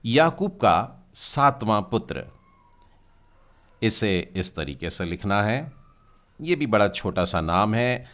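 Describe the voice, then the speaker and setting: A fairly low-pitched, slightly bright male voice delivers a Hebrew language lesson at a slow pace, very animated and with long pauses. He spells out letters and sounds one by one with patience, speaking to the learners and asking them to read.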